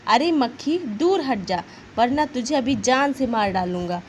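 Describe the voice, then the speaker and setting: A woman's voice: on the high side, lively intonation, unhurried, slight background noise. A woman voicing a proud, short-tempered male lion, king of the jungle, as she reads a children's story aloud. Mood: angry.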